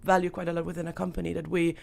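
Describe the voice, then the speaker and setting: Woman from Austria, young adult, podcast guest, fry in the voice, hesitant fillers, studio recording. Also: fairly low pitch, flat delivery, very fast, darkish tone. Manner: thoughtful, many fillers and restarts. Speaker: startup founder guest. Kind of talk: podcast interview.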